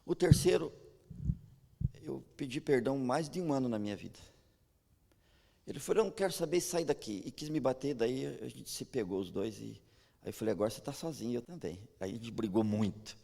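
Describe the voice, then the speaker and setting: A man's voice: mid-range voice, normal speed, gravelly. A Brazilian man preaching a sermon with a Brazilian Portuguese accent, telling personal stories and often stammering into restarts. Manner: storytelling, animated, frequent stammered restarts. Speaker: pastor. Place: large church hall. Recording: echoey church hall.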